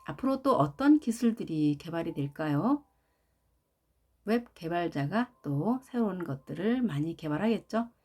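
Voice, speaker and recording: A woman teaching English words for jobs, who speaks slowly and often starts her phrases with "자" while she drills the stress of each word. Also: on the low side, lively intonation, a little mellow. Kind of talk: slow, careful lesson narration.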